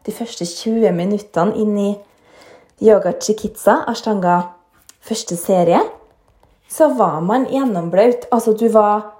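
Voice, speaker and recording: A woman's voice: mid-range voice, warm tone. A woman yoga teacher telling personal stories in a casual, frank monologue, often checking in with little tag questions. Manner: chatty, frank, often tags lines with "sant?". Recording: roomy echo.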